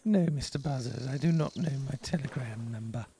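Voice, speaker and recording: A man playing a prim, creaky, imperious gentleman. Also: medium pitch, a little hiss or hum, natural voice. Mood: needling, haughty. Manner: formal, haughty, deliberate, repetitive. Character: prim, imperious, needling gentleman of the Old West. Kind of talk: improvised western game role-play.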